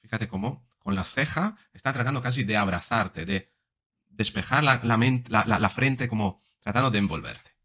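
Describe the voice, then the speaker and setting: A very animated man in his forties, with a mid-range voice and a sharp tone, talks at normal speed. He's a psychologist offering explanatory, analytical commentary on body language, frequently adding short tag questions. He sits close to a desk microphone in a small indoor room.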